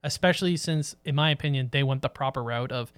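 Excitable podcast guy in a dry room. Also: mid-range voice, smooth, no room sound. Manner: excited, rapid, talks over his co-host. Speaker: podcast co-host. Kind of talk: casual chat.

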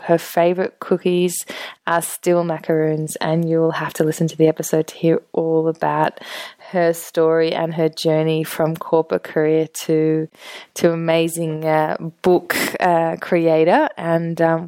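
A woman's voice: on the low side, a little mellow, no echo, studio quality. A woman hosting a podcast, chatty and upbeat, introducing her guest and asking questions. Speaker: podcast host. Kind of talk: casual podcast hosting and interviewing.

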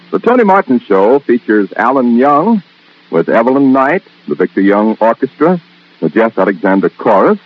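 A man's voice: slightly rough, narrow, tinny audio. A man announcing upcoming radio shows in an upbeat promotional style, heard from an old 1940s broadcast transcription disc. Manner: lively, upbeat sales-pitch delivery.

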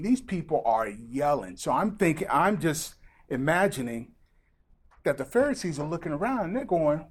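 Animated man preaching with lively pitch. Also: husky. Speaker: pastor. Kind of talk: sermon.

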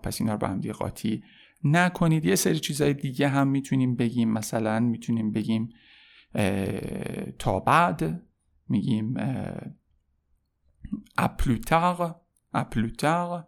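Young male podcast tutor, gravelly voice, casual explanations that slow down to model each phrase. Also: mid-range voice. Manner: relaxed explaining with many filler ums, slows to model French phrases. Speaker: French language teacher. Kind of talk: podcast language lesson.

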